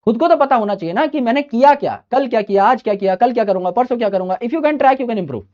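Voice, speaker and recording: A man's voice: extremely high pitch, expressive, fast, darkish tone. Chatty male teacher, dull lo-fi sound. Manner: chatty and emphatic, repeats key points, addresses listeners as brother. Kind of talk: informal study-advice lecture.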